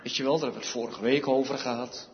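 A male preacher giving an emphatic sermon, with dramatic pauses and repeated phrases. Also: medium pitch, steady tone, a little hiss or hum. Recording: dull sound, echoey hall.

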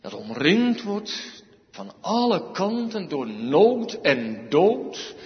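A male preacher giving an emphatic sermon, with dramatic pauses and repeated phrases. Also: high voice, very animated. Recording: dull sound, echoey hall.

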